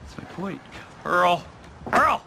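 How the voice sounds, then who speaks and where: A man's voice: mid-range voice, lively intonation, brisk, pushed and bright, a little hiss or hum. An actor playing a playful older man who runs a Santa's workshop, whimsical and upbeat, in a TV movie. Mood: cheerful. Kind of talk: TV movie acting. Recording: film audio with music score.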